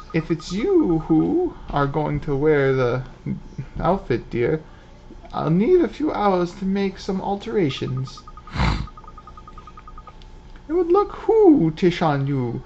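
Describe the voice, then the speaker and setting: Prim old shopkeeper lady played by a man, owlish hoots, raised pitch. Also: wildly swooping pitch, takes it slowly, pauses often, dark tone, highs cut off, slight background noise, full character voice. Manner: prim, hooting.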